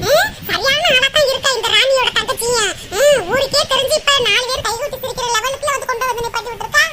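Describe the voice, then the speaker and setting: A woman voicing a grieving older sister in a cartoon comedy, lamenting loudly and repeating her words. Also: very high-pitched. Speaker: cartoon character. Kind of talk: Tamil cartoon comedy voice acting. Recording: loud background noise.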